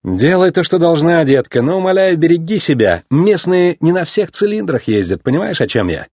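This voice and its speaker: A man's voice: a little high, very animated, normal speed, a little mellow, dry recording, studio quality, pitched above the performer's own voice. A man voicing a cocky young male race car with a brash, boastful, teasing manner.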